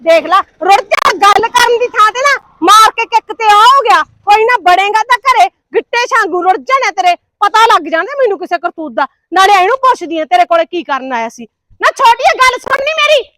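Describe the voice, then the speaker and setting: Woman playing a shrill scolding jealous wife. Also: lively intonation, moderate pace, dry recording, exaggerated voice. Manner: nagging, quarrelsome, sharp-tongued. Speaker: actor in a family comedy skit.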